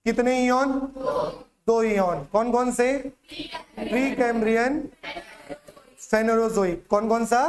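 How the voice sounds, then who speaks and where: A Hindi-speaking teacher with a Chhattisgarh accent talks slowly in a very high voice, pausing often. His lecture relies on call-and-response drills, repeated questions and memory tricks to quiz the class.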